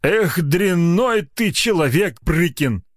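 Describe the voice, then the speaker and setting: A man's voice: mid-range voice, sing-song, unhurried, no room sound, clean studio sound, pitched above the performer's own voice. Ironic, stern country chief doctor voiced by a man, middle-aged; audiobook character. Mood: scolding. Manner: ironic, scolding.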